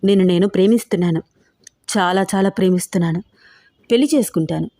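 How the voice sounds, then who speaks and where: A woman voicing a possessive, menacing male gangster who talks in a smooth, wheedling way. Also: on the low side, fast, dark tone. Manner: smooth, wheedling then threatening.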